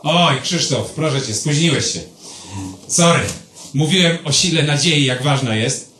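A pastor giving a sermon, telling personal stories in a lively, conversational way and speaking straight to his listeners. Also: fairly high pitch, a little slow, slight background noise.

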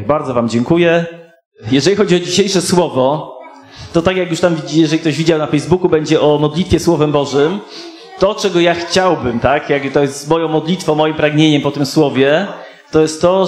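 Echoey preacher reading scripture aloud. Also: male voice, a little high. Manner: reads slowly with frequent rhetorical "tak?" asides. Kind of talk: sermon reading and explaining scripture.

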